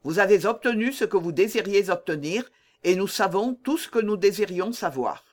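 A man's voice: high-pitched, animated, normal speed. A man voicing a stern queen in a storybook reading, cold and commanding. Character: imperious queen, a stern royal woman.

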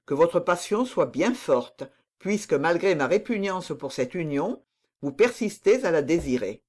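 A grave older count speaks with calm restraint in an audiobook scene, with the reader putting him on. His lines are measured and unhurried. The pitch still moves lively through each phrase. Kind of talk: audiobook reading of dialogue.

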